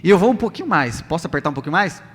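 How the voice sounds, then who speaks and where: This Brazilian-accented pastor speaks in a fairly high, husky voice, very animated and very fast, as he delivers a sermon live in a big church hall. His preaching is emphatic and repetitive, full of rhetorical questions for the congregation. Long reverb fills the audio, and music plays beneath him.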